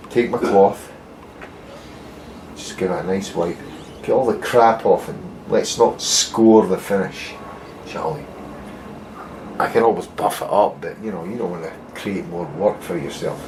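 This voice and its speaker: A Scottish man working through a casual workshop tutorial as a bass luthier, muttering wry jokes and swearing casually. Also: measured pace, long pauses, noisy background. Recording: echoey room.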